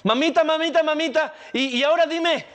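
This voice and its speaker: A man's voice: fairly quick, fairly bright tone. Man doing an eager blind little boy. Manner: eager, pleading, high childlike voice. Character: blind little boy asking his mother.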